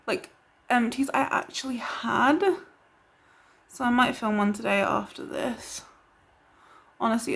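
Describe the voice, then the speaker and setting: A young woman from the UK, a beauty vlogger chatting casually to camera, rambling and excitable. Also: medium pitch.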